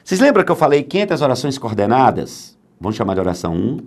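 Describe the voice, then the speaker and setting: A man's voice: medium pitch, big pitch swings, quick pace. A man teaching grammar for exam prep, emphatic and fond of asking and answering his own questions.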